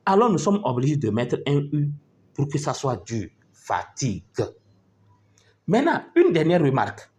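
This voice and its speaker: A man's voice: fairly high pitch, huge pitch swings, moderate pace, a little mellow. A male teacher giving a patient phonics lesson, spelling out letters and syllables one by one and often checking that his pupils are following.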